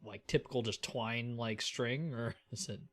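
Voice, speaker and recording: Slow-talking laid-back male player. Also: mid-range voice, steady tone. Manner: hesitant, laid-back, full of "like". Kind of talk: casual tabletop play.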